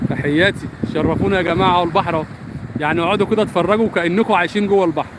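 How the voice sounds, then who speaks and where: A man's voice: high voice, fairly even intonation, very fast. A man with an Egyptian accent chatting casually to viewers on a live stream from a beach, earnest and talkative, recorded on a handheld phone. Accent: Egyptian Arabic. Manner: chatty and earnest, swears by God often. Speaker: vlogger. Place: beach outdoors in wind. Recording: wind noise on phone mic.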